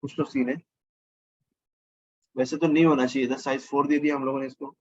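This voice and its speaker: A man's voice: medium pitch, flat delivery, a little fast, muffled recording. A man teaching a casual coding lesson over his screen, thinking aloud and correcting himself as he goes. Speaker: programming teacher.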